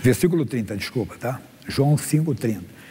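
A man's voice: medium pitch, fairly quick, noisy background. Man in his sixties preaching in a hall. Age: 60s. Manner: preaching with animated Bible readings and questions to the congregation. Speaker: pastor. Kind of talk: sermon. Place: church stage before a congregation. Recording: long hall reverb.

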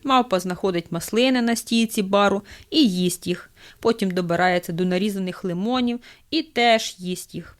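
A woman narrating jokes in an even, scripted storytelling delivery. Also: mid-range voice, normal speed. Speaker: joke narrator.

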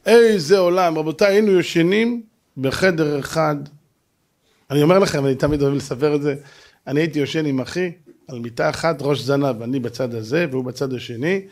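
Man, high-pitched, lively sermon delivery, acts out scenes. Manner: animated storytelling, acts out voices and sound effects. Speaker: rabbi.

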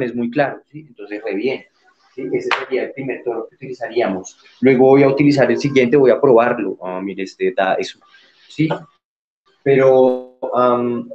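A man's voice: medium pitch, a little mellow, highs cut off. A man teaching an online art class, explaining as he works and checking in with frequent tag questions.

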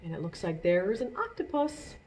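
A middle-aged woman hosts a storytime for young children in a small indoor library room, reading aloud expressively and drawing out key words for emphasis. Her voice is on the low side, darkish and slightly rough, with big pitch swings at a moderate pace.

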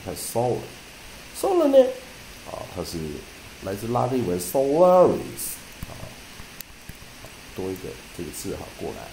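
A man teaching English pronunciation, reading dictionary entries slowly and deliberately, then explaining with many repeated terms and "ah" fillers. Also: deep voice, wildly swooping pitch, creaky, mellow, roomy sound, slight background noise, low-quality recording.

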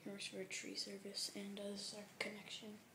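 A woman's voice: mid-range voice, monotone, normal speed, heavy background noise. A teenage girl whispering as she gives a late-night tour of her house, rambling with lots of fillers. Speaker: vlogger giving a home tour. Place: house at night, family asleep.

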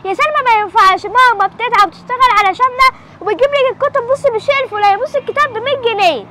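A woman's voice: very high voice, rapid-fire, heavy background noise. A young woman with an Egyptian accent playing a studious, preachy schoolgirl sister who lectures eagerly. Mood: scolding.

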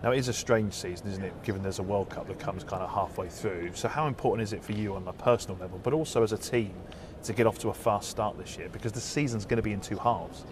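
A man's voice: fairly low pitch, fast, few pauses. A man working as a sports reporter, putting conversational questions in an interview. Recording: noisy location ambience.

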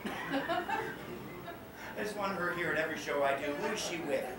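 A middle-aged man working as a stage hypnotist, giving loud, profane commands and counting up to three in a live show, holding a handheld mic on a large theater stage. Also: sits high, wildly swooping pitch, measured pace. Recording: echoey hall from far off. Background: loud music and laughing crowd.

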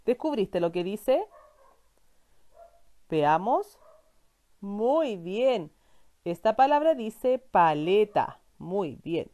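Slow, patient woman teaching young children. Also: medium pitch, big pitch swings, dark tone. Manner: slow, patient, encouraging, asks and answers her own questions. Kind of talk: children's reading lesson.

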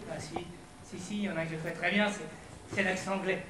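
Man acting a bragging, defensive sidekick; high voice, roomy and noisy stage sound. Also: fairly even intonation, fairly quick, lightly acted. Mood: eager. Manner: boastful and defensive. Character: boastful, easily provoked man defending himself. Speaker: stage actor. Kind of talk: amateur stage comedy acting. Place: theatre stage. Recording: echoey stage with background noise.

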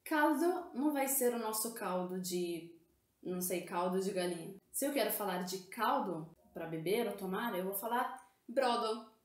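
A woman's voice: mid-range voice, animated, normal speed, echoey room. A woman teaching Italian vocabulary in a lesson, explaining step by step and often checking in with her listeners. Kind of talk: language lesson.

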